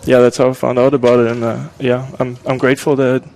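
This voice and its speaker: A young man with a German accent, a college soccer player answering interview questions in a hesitant way with many pauses. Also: mid-range voice, flat delivery, vocal fry, a little mellow, a little hiss or hum. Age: young adult. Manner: hesitant, many ums and restarts.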